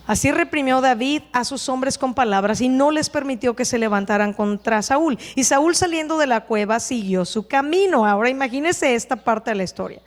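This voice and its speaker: Woman preacher, high voice, lively sermon delivery with rhetorical questions, long hall echo. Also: moderate pace, hardly any pauses. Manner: animated, asks the congregation rhetorical questions. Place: church hall.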